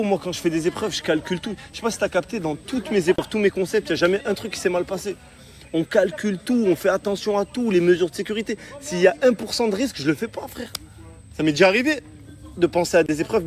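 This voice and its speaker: A man's voice: high voice, fast talker. A man who organizes the challenges, talking casually and reassuringly with street slang. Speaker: show organizer running challenges. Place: outdoors on an island.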